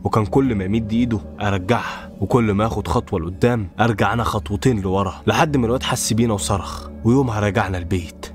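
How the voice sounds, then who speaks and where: A man's voice: on the low side, racing, hardly any pauses. A man with an Egyptian Arabic accent narrating a first-person horror story in a dramatic, intense way. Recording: voice over background music.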